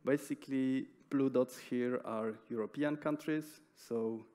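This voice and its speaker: A young man giving a technical conference talk on a stage, speaking in a measured way with frequent pauses and fillers. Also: mid-range voice, fairly even intonation, dark tone. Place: conference stage in a large hall. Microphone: headset mic.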